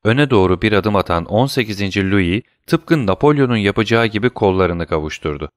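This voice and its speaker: A man narrating a classic novel in a measured, scripted reading. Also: on the low side, lively intonation, no echo, clean studio sound. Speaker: audiobook narrator.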